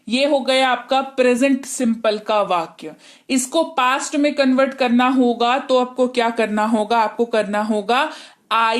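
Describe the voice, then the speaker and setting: A woman teaching English grammar in a video lesson, repeating key points and checking in with "okay?" and "clear?". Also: fairly high pitch.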